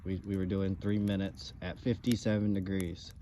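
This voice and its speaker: Man, relaxed dark tone, halting casual co-host talk, faint outdoor ambience. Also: deep voice. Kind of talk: casual chat. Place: outdoors by a campfire. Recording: outdoor ambient background noise.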